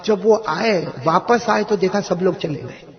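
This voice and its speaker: A man telling a religious story to children in a lively way, often asking them to answer back. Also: high voice, dull audio. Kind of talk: animated storytelling to a young audience.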